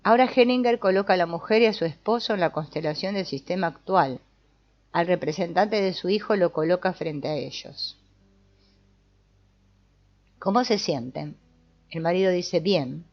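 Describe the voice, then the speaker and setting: This is a scripted narration by a woman whose pitch sits fairly low and whose delivery is calm and measured. Soft guitar music accompanies the dull, lo-fi voice-over recording.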